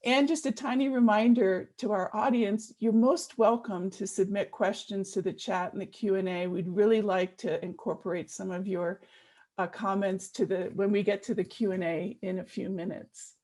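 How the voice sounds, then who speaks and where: A woman's voice: mid-range voice, steady tone, normal speed, darkish tone. Woman moderating an online panel.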